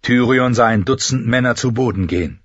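Husky-voiced man narrating a fantasy audiobook. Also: medium pitch, a little fast, no room sound. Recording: slightly dull lo-fi dry recording.

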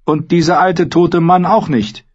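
A man reading an audiobook voices two blunt, ominous old women with a shrill, harsh manner. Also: fairly even intonation, measured pace, lo-fi sound.

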